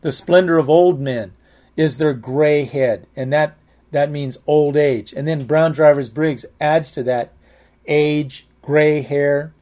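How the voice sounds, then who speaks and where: A man in his late sixties gives a verse-by-verse Bible teaching. His voice sits a little higher than most men's, and he talks in a loose, chatty way, circling back and restarting sentences as he goes. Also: steady tone, slow pace, darkish tone. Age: 60s. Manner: conversational, repeats himself, restarts phrases. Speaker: pastor.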